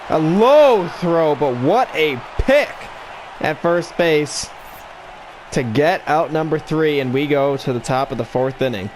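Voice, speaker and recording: A man's voice: on the high side, slight background noise. A man calling a baseball video game in broadcaster-style play-by-play while he has the hiccups, recorded in a room at home. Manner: broadcaster-style play-by-play delivery, rising excitement on big plays. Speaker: gaming YouTuber.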